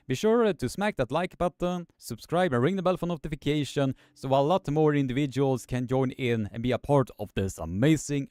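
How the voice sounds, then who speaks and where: A man's voice: mid-range voice, darkish tone, no echo, clean studio sound. A man hosting a live stream, reading chat comments aloud in a hesitant way, with many filler sounds.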